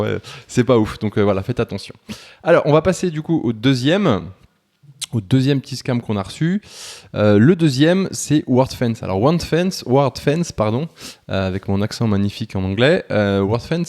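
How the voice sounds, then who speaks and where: Casual, rambling man with a low voice. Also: darkish tone. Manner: chatty, informal, full of fillers and restarts. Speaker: YouTuber teaching web freelancing. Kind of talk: casual screen-share tutorial.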